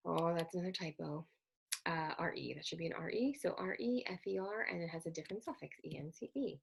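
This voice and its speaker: A woman delivering a recorded slide lecture on words, her voice a little low and gravelly with a husky edge. She explains step by step, spells out letters and corrects herself as she goes. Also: quick pace. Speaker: literacy educator presenting slides.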